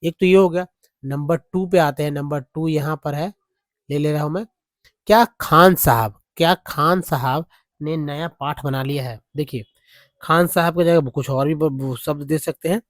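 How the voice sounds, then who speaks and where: A man teaching spoken English in Hindi, slowly repeating each English sentence word by word. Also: a little high, dry recording.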